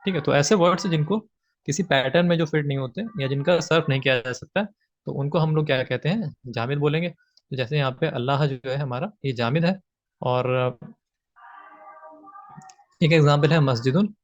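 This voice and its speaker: A man's voice: fairly high pitch, normal speed. A man teaching grammar from slides, patiently repeating his points with frequent fillers. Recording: slightly dull lo-fi audio.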